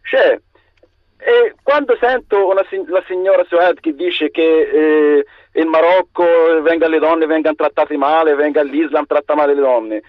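A man with a Moroccan accent calling a radio phone-in, speaking spontaneously and haltingly, restarting his phrases. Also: a little high, no echo. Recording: dull, band-limited phone line.

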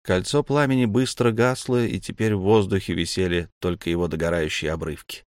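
A man reading an audiobook in steady scripted narration, close to the mic. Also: sits low, brisk, no echo.

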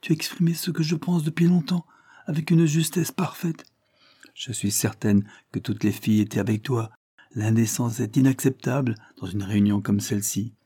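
Guy doing a shy sweet teen girl, soft and earnest, mellow husky tone. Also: medium pitch, normal speed, no echo, studio quality, close to an everyday voice. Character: shy, gentle teenage girl.

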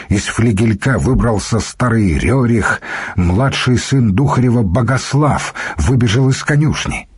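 A man narrating a historical novel in a steady, measured storytelling voice. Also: lowish voice, husky, no room sound, studio quality. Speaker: audiobook narrator. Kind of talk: scripted narration.

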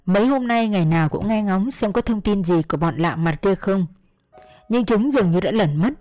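A woman narrating a first-person story in a steady storytelling manner. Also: mid-range voice, moderate pace, no room sound. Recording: dry close mic, faint music.

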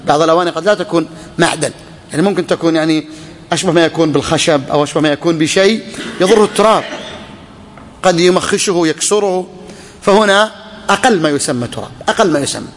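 Man lecturing on a text, kinda high voice, long hall reverb. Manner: repeats key phrases, asks and answers questions. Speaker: Islamic scholar teaching a fiqh text.

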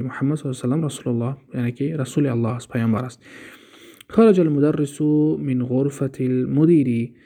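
Tajik-accented male grammar teacher, mellow tone, slow reading then quick explaining, quizzing style. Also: medium pitch, husky. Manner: reads Arabic phrases slowly, then translates and quizzes. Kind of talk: recorded grammar lesson.

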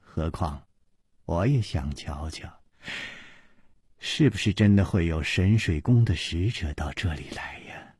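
Gentle, frail young woman, soft and half-whispered, husky, voiced by a man. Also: lowish voice, very animated, takes it slowly, pauses often, dry recording, clean studio sound, pitched below the performer's own voice, full character voice.

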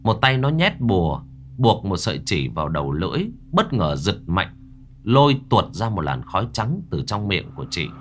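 A man's voice: low voice, sing-song, normal speed, a little hiss or hum. A man narrating a horror story in the first person with dramatic, vivid delivery.

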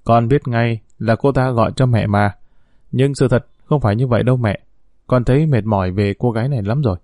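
A man's voice: medium pitch, brisk, a little mellow, no room sound, studio quality, natural voice. A man voicing a cold, cutting young boss. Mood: wry. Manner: stern, cutting. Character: cool, sarcastic young male company boss.

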